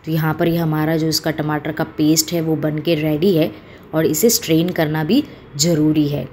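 Demonstrating a recipe step by step, a woman in her thirties hosts from her small home kitchen in an easygoing, homely manner with fillers. Her low voice carries a darkish tone and fairly even intonation at a moderate pace, and a little hiss or hum can be heard.

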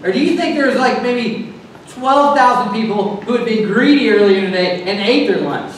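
A man preaching a sermon in a church, talking in a conversational, animated way and acting out little scenes. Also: high-pitched, moderate pace, slight background noise. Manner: conversational, animated, acts out voices with laughs. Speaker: pastor. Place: church sanctuary. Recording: very echoey church hall, mic at a distance.

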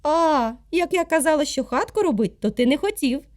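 A stubborn little calf from a storybook tale, scolding in a raised, sing-song voice that jumps about in pitch, as a woman reader puts it on. Small, indignant and a bit self-righteous. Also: animated, normal speed.

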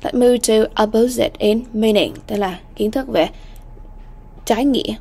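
A woman teaching an English exam-prep lesson, slowly repeating English words and often checking in with students. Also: fairly high pitch, dark tone, husky.

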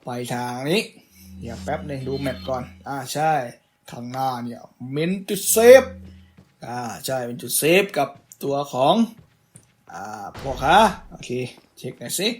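There's slight background noise as a young gaming YouTuber, speaking at normal speed in a medium-pitched voice, gives casual let's-play commentary. He playfully mocks the enemies he faces.

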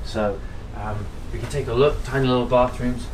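A man's voice: medium pitch, fairly even intonation, normal speed, noisy background. A young man presenting a casual vlog to camera on location, talking in a chatty, jokey way. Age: young adult. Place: inside a ship and out on its deck.

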